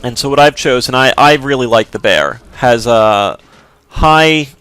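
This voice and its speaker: Speaking at a measured pace, a man in the mid-range commentates his game walkthrough in a clean, fairly bright tone. His explanations are rambling and hedged, full of filler words.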